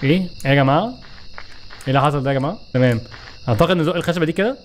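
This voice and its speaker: Rapid-fire Egyptian gamer man. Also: fairly high pitch, slight background noise. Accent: Egyptian Arabic. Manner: excitable, joking, talks back to the game. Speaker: gaming YouTuber. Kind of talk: let's play commentary.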